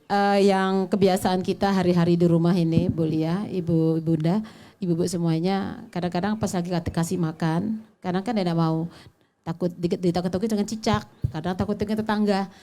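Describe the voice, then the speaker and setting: A woman answers a question on a panel, speaking plainly and conversationally. Her voice is low and mellow. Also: fairly even intonation, normal speed.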